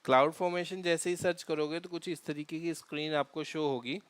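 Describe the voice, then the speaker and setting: A man walks through a cloud tutorial on a screen share, pausing often on fillers and restarting his sentences. His voice sits fairly high and comes across smooth and resonant. The recording is close and dry. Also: steady tone, dry recording. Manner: halting, many fillers and restarts. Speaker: DevOps tutorial instructor.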